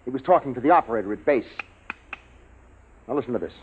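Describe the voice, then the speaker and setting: A man's voice: mid-range voice, expressive, quick pace, a little hiss or hum, close to an everyday voice. A man playing an urgent radio-drama scientist. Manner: urgent, explaining. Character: earnest male scientist, urgent and analytical. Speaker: scientist on a space base. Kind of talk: 1950s radio drama acting. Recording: tinny old radio broadcast.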